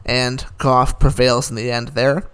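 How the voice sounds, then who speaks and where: A man's voice: mid-range voice, little pitch movement, unhurried, a bit bright, clean tone. A man giving a casual, opinionated recap of the day's tennis results, rattling off scores with dry asides. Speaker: tennis commentator.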